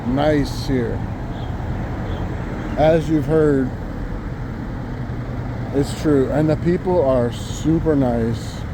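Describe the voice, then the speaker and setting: A man's voice: a little high, drawn-out words, pauses often. An American man giving a casual, rambling walk-and-talk monologue as he muses informally outdoors on a city sidewalk. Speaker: vlogger. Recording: outdoor street with loud traffic noise. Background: passing cars and trucks.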